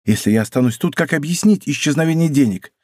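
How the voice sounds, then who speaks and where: A male audiobook reader voicing a tender, fearful young woman in a hushed, worried tone. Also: a little high, expressive, quick pace, dry recording, clean studio sound. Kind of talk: audiobook character reading.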